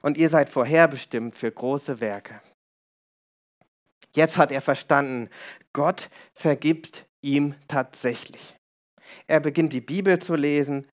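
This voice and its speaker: A man telling a conversion story in a sermon, conversational and explaining, with asides to his listeners. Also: mid-range voice.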